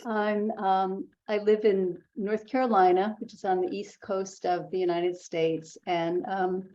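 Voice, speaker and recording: A woman, introducing herself in a measured, explanatory way on a dull-sounding video call. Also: medium pitch, level tone, warm tone. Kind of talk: casual self-introduction.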